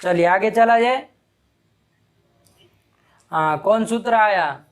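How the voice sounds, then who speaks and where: A man with a high voice teaches Sanskrit grammar in a live session, questioning students rapidly and sharply scolding any wrong answers.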